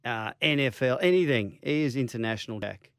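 Smooth-voiced Australian man in matey banter. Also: mid-range voice, expressive, brisk, dry recording, studio quality. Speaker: radio sports show co-host. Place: radio studio. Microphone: close studio broadcast mic.

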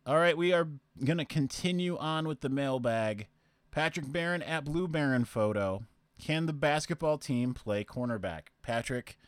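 A young podcast host with a medium-pitched voice casually answers listener questions, rambling with fillers and restarts. The recording is dry.

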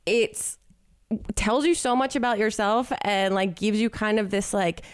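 A woman's voice: medium pitch, a little slow, clean tone, no echo, studio quality. A young woman co-hosting a podcast, chatting casually with many likes and ums. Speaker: podcast co-host. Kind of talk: casual chat.

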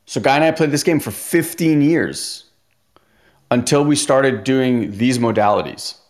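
A podcast host with a mid-range voice talks casually at a measured pace. He's chatty, uses "like" a lot and acts out little quotes as he goes.

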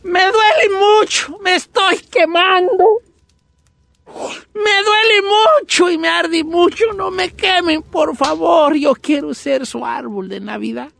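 A storyteller voicing a young Christmas tree that sobs and begs in a high voice. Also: animated, unhurried, gravelly, a bit bright, dry recording, heavily acted. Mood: sobbing. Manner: sobbing, high, begging voice.

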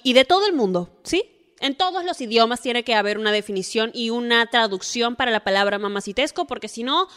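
A woman hosting a podcast in a casual chat, playful and showering the listener with flattering pep talk. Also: fairly high pitch, clean tone. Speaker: podcast host. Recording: long reverb.

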